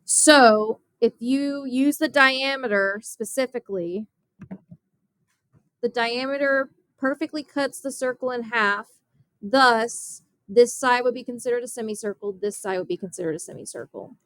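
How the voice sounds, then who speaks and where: A woman's voice: a little high, measured pace, a bit bright, no room sound. A young woman math teacher giving a classroom geometry lesson, explaining step by step and often asking her students questions.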